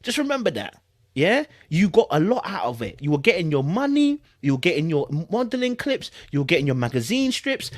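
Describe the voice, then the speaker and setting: With big pitch swings and a brisk delivery, a mid-range voice comes through in studio quality with no echo. A podcast host with an urban London accent and slang gives animated commentary on a celebrity breakup statement, sounding exasperated and incredulous, repeating phrases for emphasis in an informal, conversational way.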